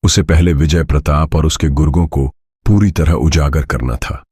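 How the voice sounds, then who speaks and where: A man narrating a scripted drama story with steady, dramatic delivery. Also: a bass voice, moderate pace, breathy edge, no echo, studio quality.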